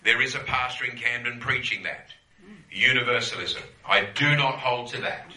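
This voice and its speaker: A man's voice: medium pitch, moderate pace, sharp tone, reverberant, poor audio. A man teaching a Bible class to a group, conversational, often checking in with "yeah?" and repeating phrases for emphasis.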